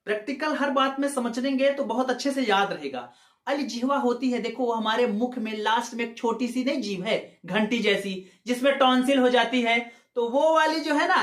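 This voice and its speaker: A man's voice: very high voice, a bit bright. A man teaching an exam-prep grammar lecture, explaining step by step, asking rhetorical questions and checking in with his students. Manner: repeats points and checks in with "ठीक है". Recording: echoey room.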